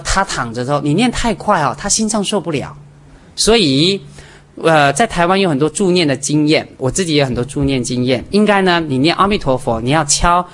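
A man's voice: a little high, fairly bright tone. A man teaching a Buddhist gathering, talking emphatically and counting off practical points one by one. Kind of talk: Buddhist dharma talk to a gathering.

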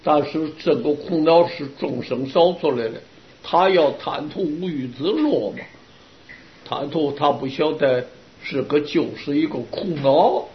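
Man preaching with lively rising pitch. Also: measured pace. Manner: lively storytelling with rhetorical questions. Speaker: Buddhist Dharma teacher. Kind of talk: sermon to students. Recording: dull lo-fi recording.

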